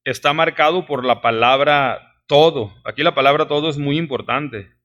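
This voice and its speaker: A man preaching a sermon, emphatic, his voice rising sharply on key words and dropping low on asides, often adding "¿verdad?" and "hermanos". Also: moderate pace, fairly bright tone, muffled recording. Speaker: pastor. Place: church sanctuary.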